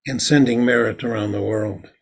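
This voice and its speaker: A man's voice: medium pitch, steady tone, normal speed, gravelly. A man, a Zen teacher, giving a dharma talk in a meditation hall, explaining ritual plainly and then acting out its lines.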